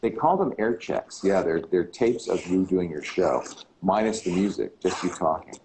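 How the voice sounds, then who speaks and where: A middle-aged man and radio broadcaster in casual chat, telling stories in a relaxed way. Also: moderate pace, slight background noise, low-quality recording. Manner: relaxed storyteller, slips into deep announcer voice.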